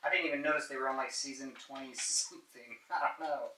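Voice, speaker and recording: A man's voice: mid-range voice, pushed and bright, slight background noise. Man, hesitant casual chat, set back from the mic, roomy sound. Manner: hesitant, halting, with restarts. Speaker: co-host, husband of the host. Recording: echoey room, distant mic.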